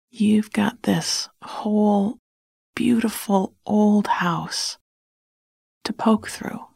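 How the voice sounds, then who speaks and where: A woman reading a story in a soft whisper, voicing a friendly woman who gently coaxes her grumpy cat. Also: mid-range voice, creaky, husky, no echo, studio quality, exaggerated voice. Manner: placating, gently coaxing.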